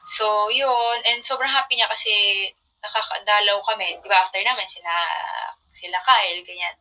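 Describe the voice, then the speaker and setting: A young woman casually chatting on a livestream from her phone, telling rambling stories with soft trailing asides. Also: mid-range voice, steady tone, moderate pace, rough recording.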